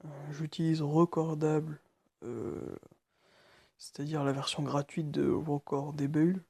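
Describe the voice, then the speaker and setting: A nervous man walking through a phone tutorial, speaking quietly and haltingly with many fillers. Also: on the high side, steady tone, creaky, husky. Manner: speaking quietly late at night. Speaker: tutorial maker. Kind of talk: screen-recorded phone tutorial.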